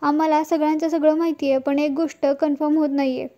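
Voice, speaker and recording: A woman voicing a boastful, pushy son-in-law in a serial recap, in her own high voice. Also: level tone, quick pace, warm tone, muffled recording, natural voice.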